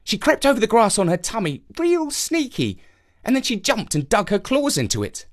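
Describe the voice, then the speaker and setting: A man's voice: sits high, wildly swooping pitch, normal speed, pitched above the performer's own voice. A man doing an eager little boy. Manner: eager, chattering. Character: young boy, curious and eager.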